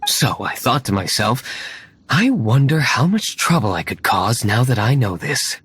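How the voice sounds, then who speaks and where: Diluc, an aloof, formal young gentleman. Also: mid-range voice, very animated, noisy background. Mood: explaining. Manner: formal, measured, terse. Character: composed, aloof young gentleman winery owner, shrewd schemer. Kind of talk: video game character acting. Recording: game music behind the voice.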